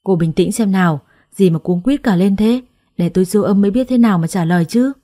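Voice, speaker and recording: Woman doing a no-nonsense clinic doctor in a storybook, firm and matter-of-fact, mellow tone. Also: medium pitch, quick pace, no echo, clean studio sound, lightly acted. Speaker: doctor figure.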